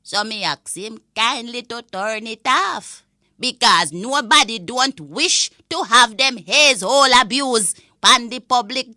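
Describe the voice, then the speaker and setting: A woman's voice: mid-range voice, pushed and bright, no echo, studio quality. A woman voicing a cranky old Jamaican granny in a comic audio rant, indignant and scolding in Patois.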